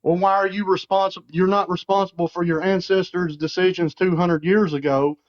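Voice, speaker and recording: A man's voice: high voice, steady tone, brisk, lo-fi sound. A man with a Southern US accent calling into a talk show, earnest and a little hesitant as he makes his argument. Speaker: caller. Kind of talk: casual call-in chat.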